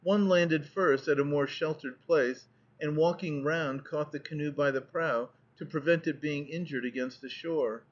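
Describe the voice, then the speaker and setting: A man reading a nineteenth-century travel narrative aloud as an audiobook narrator, in a steady, measured way. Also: fairly high pitch. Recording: dull lo-fi audiobook recording.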